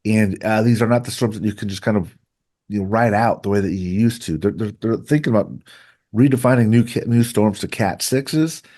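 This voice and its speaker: A man's voice: on the low side, brisk, dark tone. A man co-hosting a political podcast, speaking earnestly and repeating words as he starts sentences. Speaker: podcast co-host. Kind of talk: casual political chat.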